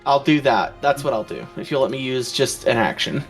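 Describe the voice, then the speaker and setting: A man's voice: medium pitch, animated, a little fast, soft background music. A man chatting casually as a player at a tabletop game, rambling with lots of ums and restarts.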